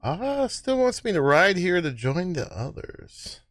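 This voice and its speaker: A man's voice: sits high, very animated, a little slow, a bit bright, faint music behind. A man giving casual, chatty gameplay commentary, musing aloud as he plays. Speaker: gamer commenting on own play.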